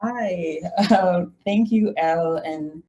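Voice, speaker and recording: A man's voice: high-pitched, slow pace, mellow, muffled recording. A young adult man with a Filipino accent gives an informal online lecture, mixing Tagalog and English. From Philippines. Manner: mixes Tagalog and English (Taglish). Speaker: guest lecturer, graduate researcher. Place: home room, indoors. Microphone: video call.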